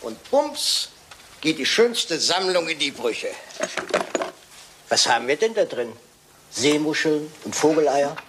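In a German crime radio play, a male actor voices a fastidious, shrewd Belgian detective, speaking precisely and probingly with French words sprinkled in. His fairly high voice is very animated and heavily acted, in a playfully inquisitive mood, with background noise audible.

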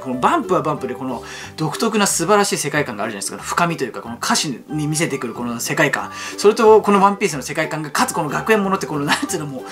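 Excitable rapid-fire male fan host. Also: on the high side. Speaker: YouTube fan channel host. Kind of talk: excited reaction commentary.

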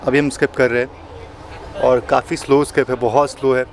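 In a low-quality recording, a medium-pitched young man with little pitch movement talks a little fast. Camera at arm's length, he narrates his train travel vlog in an upbeat, chatty, filler-heavy way, both out on railway platforms and inside a train, amid loud outdoor and train noise.

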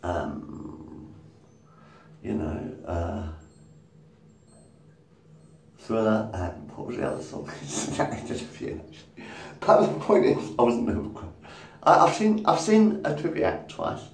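A fifty-something vlogger talks to his phone camera at arm's length in a small room, a loose monologue full of swearing and laughter at his own jokes. He's on the low side, gravelly and a little mellow, with huge pitch swings and a measured pace. Recorded from afar, the sound is echoey with faint noise behind it.

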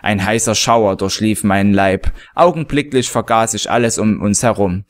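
A man reading a first-person fan story aloud in a steady narrating voice. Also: medium pitch.

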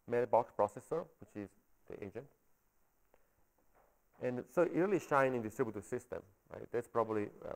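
A man with an Italian accent giving a technical talk at a meetup, halting and often checking in with the audience. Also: mid-range voice, vocal fry, a little mellow, poor audio. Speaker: conference speaker. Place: coworking space meetup room.

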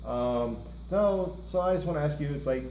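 Sitting at a table in front of a lit curtain indoors, a middle-aged man co-hosts a music reaction show, rambling through casual chat with joking asides. His voice is on the high side, animated and a little mellow, at normal speed, and the room sounds roomy with faint hiss.

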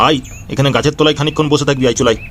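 A man's voice: mid-range voice, steady tone, fairly bright tone, slight background noise. A man voicing an angry, accusing bike owner in a cartoon, giving orders. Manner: bossy, accusing, rapid. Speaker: cartoon voice actor. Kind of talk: cartoon voice dubbing.

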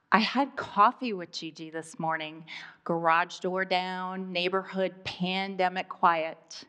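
A woman in her fifties from Iowa performs a personal monologue on a live stage, speaking deliberately with dramatic pauses. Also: on the low side, fairly bright tone, clear, resonant tone. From Iowa, USA. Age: 50s. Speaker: storyteller.

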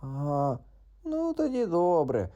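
A man voicing a cheeky, talkative little male frog who croaks between his words in a children's audiobook. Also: on the high side, huge pitch swings, slow, warm tone, highs cut off, voice pushed up, exaggerated voice. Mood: chatty, eager.

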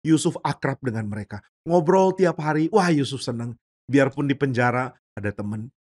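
A male pastor narrating a children's Bible story expressively, with emphasis and acted-out characters. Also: mid-range voice.

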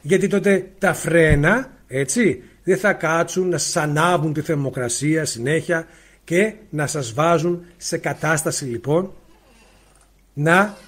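High-pitched male spiritual teacher, talking loud and emphatic over a bad mic on a live stream. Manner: loud, emphatic, asks rhetorical questions. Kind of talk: livestream talk. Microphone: faulty mic, spoken loudly into it.

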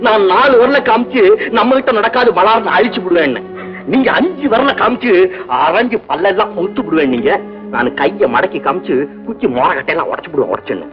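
An actor playing a naive young village shepherd, talking in a broad, excitable country dialect. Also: male voice, sits high, fairly quick. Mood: boastful, animated. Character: naive rustic young male shepherd, humble and guileless. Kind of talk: 1960s film acting. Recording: muffled old film soundtrack with music.

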